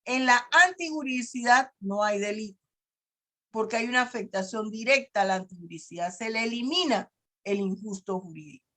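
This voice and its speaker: A woman's voice: on the high side, fairly quick, a bit bright. A woman law lecturer explaining step by step, acting out a first-person example for her students. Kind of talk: university lecture.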